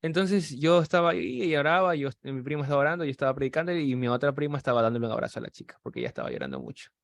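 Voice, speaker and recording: A man's voice: a little high, very fast, gravelly, dry recording. A man preaching on evangelism, telling a personal story with acted-out dialogue and urging the audience directly. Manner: animated storytelling, acting out quoted dialogue; addresses the audience directly with practical exhortation.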